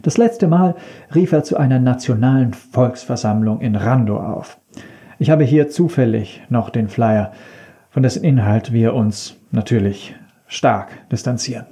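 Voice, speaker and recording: A man's voice: medium pitch, measured pace, mellow. A man narrating a satirical story in a dry, ironic, mock-serious tone.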